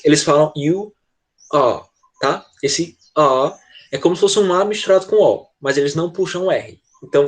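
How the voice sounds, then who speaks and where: A man with a Brazilian Portuguese accent teaching an online class to children, explaining patiently and checking in often over a video call. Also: mid-range voice. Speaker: English teacher.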